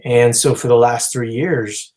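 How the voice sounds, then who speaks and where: A man's voice: medium pitch, fairly even intonation, a little slow, a little mellow, rough recording. A man, a company founder, making a casual spoken announcement to his followers, rambling with many fillers and restarts. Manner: rambling, full of "you know" and restarts.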